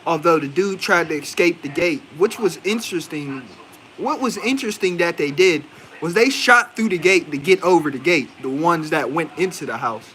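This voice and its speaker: A man with an Indian accent talks through a movie review in a loose, slangy ramble. He keeps stopping to think aloud. His voice is bright and a little high, with a faint hum behind it. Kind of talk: casual spoken movie review.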